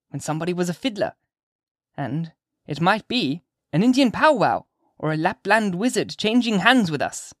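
For a dramatised audiobook reading, a narrator voices a sly, sinister old gentlewoman witch from a classic story. The older character sounds shrill and theatrical, drawing out archaic phrases, and the studio-quality recording has no room sound.

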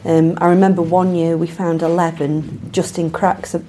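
Mellow-voiced woman explaining as a field expert. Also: fairly low pitch, little pitch movement, normal speed, a little hiss or hum. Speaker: bat surveyor, expert guide. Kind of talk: explanatory interview answers. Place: inside a mine tunnel.

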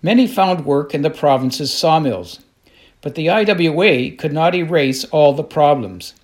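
A man's voice: on the high side, unhurried. A man reading scripted documentary narration as the narrator.

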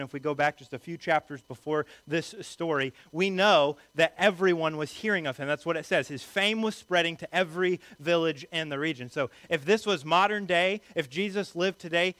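A male pastor preaching a sermon in a lively, conversational way, with jokes mixed in. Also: on the high side, no echo.

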